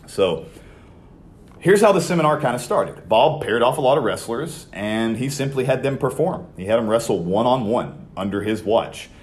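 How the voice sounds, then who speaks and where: A man's voice: medium pitch, expressive, normal speed, darkish tone. A young man hosting a podcast, talking in a casual, conversational way with many fillers and restarts. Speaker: podcast host.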